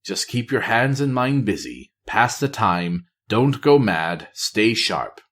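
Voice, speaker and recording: A man's voice: big pitch swings, slow pace, heavily acted. Man reading as a weary, wry spy master. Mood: muttering. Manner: low, quiet, wry murmur. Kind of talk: audiobook-style character reading.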